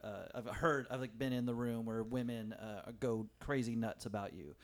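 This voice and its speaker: A man's voice: medium pitch, steady tone, normal speed. A man in a casual chat, making dry, teasing remarks.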